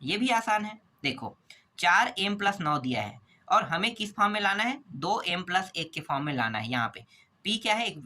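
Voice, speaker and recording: Man teaching maths, crisp bright voice, asks and answers his own questions, step-by-step exam walkthrough, close mic. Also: sits high, big pitch swings. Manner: keeps asking quick questions and answering them himself; checks in with repeated "okay?".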